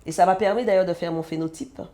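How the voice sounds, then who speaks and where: A woman from the French Antilles, a mother, telling her personal story as a guest in an animated way and acting out the dialogue. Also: lowish voice, fast talker. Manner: animated, acts out quoted dialogue. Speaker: guest, mother of a sick child.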